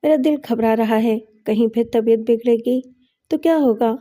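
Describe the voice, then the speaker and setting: A woman's voice: on the high side, dark tone, close to an everyday voice. A woman voicing an older father who is frightened, confused and furious. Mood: anxious. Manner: anxious, then raging and threatening.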